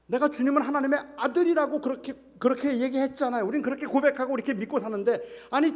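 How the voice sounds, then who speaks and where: A man doing a hot-headed disciple who scolds his own teacher, voice pushed high and loud. It has a gravelly edge and rings with long hall reverb. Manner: loud, indignant, pleading. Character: impetuous grown male disciple scolding his master.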